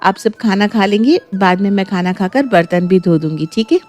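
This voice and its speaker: A woman's voice: mid-range voice, expressive, moderate pace, a little mellow, voice pushed down, close to an everyday voice. A woman voicing a suspicious, sarcastic young bride in a cartoon story. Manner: sarcastic, argumentative.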